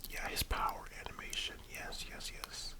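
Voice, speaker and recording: An ASMR host speaking in a breathy library whisper, rambling casually and giving opinions. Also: moderate pace.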